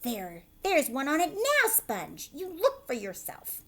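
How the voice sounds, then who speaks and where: A woman voicing an excited, bossy older aunt in a children's story, shouting in urgent exclamations. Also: high-pitched, slow pace, voice pushed up, heavily acted. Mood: excited, shrill.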